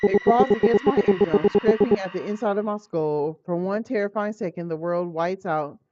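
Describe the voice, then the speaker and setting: An American woman streams a visual novel as a let's play, alternating between dramatic read-aloud and slangy, profane, animated reactions in a medium-pitched voice at normal speed. The audio is slightly dull, with game music playing behind her.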